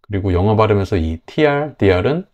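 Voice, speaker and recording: A man with a Korean accent explaining English pronunciation in a lesson, slowly demonstrating words and sentences. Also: fairly low pitch, lively intonation, a little mellow, lo-fi sound. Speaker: English teacher.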